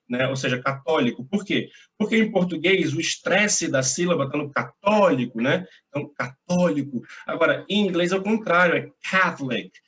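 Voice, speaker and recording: A man's voice: fairly high pitch, a bit bright, highs cut off. A young man from Brazil giving a casual video lesson as an English teacher, chatty and reassuring, with slang and frequent tag questions.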